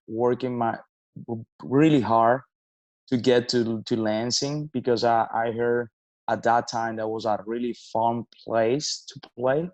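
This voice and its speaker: A man, a baseball manager answering interview questions in halting speech, with many restarts and fillers. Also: mid-range voice, darkish tone, dry recording, highs cut off. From Venezuela. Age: 30s.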